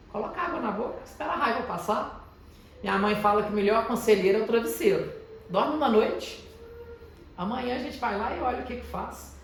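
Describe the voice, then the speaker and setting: 30s mineiro guy giving a calm slow pep talk to teens, super echoey hall, a bit of noise behind. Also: high-pitched, gravelly. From Brazil, Minas Gerais. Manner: deliberately calm, slowed and softened delivery. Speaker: motivational speaker to teenagers. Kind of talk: motivational talk. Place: large echoey house of prayer.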